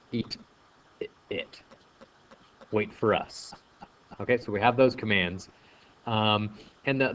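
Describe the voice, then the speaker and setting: A man's voice: fairly low pitch, dull audio, a little hiss or hum. A man teaching a language lesson, explaining step by step with frequent ums. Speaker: Spanish teacher. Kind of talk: classroom lesson narration.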